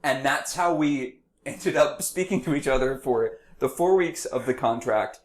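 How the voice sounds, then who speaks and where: In a home kitchen with faint background noise, a man co-hosts a casual podcast while cooking. His mid-range voice is unhurried, and he's playful and jokey, slipping into silly voices.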